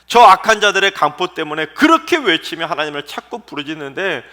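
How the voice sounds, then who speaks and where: A man's voice: a little high, sing-song, fairly quick, bright, forceful tone, pitched above the performer's own voice. A male pastor acting out an anguished prophet who pleads and argues with God in indignant questions. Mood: pleading protest.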